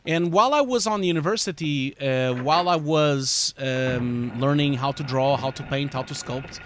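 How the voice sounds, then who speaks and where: Gaming live and responding to his viewers, this man in his forties from Portugal, a VFX artist by trade, talks in a casual, meandering way, swearing freely and losing focus easily. He speaks with a Portuguese accent at a medium pitch and moderate pace, his tone fairly bright over slight background noise.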